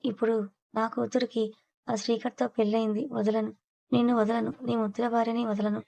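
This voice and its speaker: A woman's voice: on the high side, level tone, brisk, gravelly, dark tone, low-quality recording. A woman voicing a scheming middle-aged mother-in-law who speaks in a bitter, threatening way, in an audio story. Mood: vengeful.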